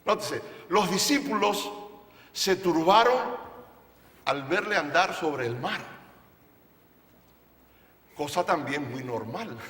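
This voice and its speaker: A man's voice: high voice, sharp tone, long reverb tail. A male pastor preaching a sermon to a congregation, emphatic and playful, often asking them questions. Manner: playful, jokes with the audience. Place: church service.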